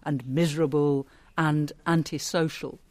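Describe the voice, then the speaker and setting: A radio presenter leading an interview in a chatty, teasing way, with lively asides. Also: mid-range voice, measured pace.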